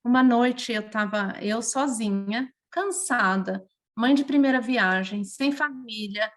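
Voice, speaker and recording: A woman's voice: a little high, slow pace. A woman from Brazil, speaking with a Brazilian Portuguese accent, tells personal stories as a guest in a casual podcast interview. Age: adult, mother of a young child. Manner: lively, emotional personal storytelling.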